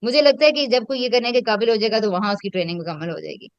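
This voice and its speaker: A woman's voice: a little high, rapid-fire, smooth, no echo, dull audio. A woman, explaining her teaching in a reflective, conversational way and mixing in English terms. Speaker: educator and host. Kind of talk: casual conversational teaching talk.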